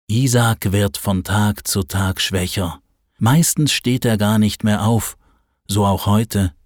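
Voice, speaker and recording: A man calmly narrating a Bible story. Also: on the low side, slow pace, dry recording, clean studio sound.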